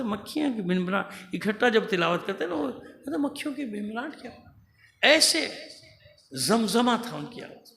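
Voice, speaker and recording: A man's voice: very high-pitched, gravelly, sharp tone. A man, a cleric, delivering an emphatic, admonishing sermon at a religious gathering into a microphone in a large prayer hall. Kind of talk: Muharram majlis sermon. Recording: roomy hall with faint hum.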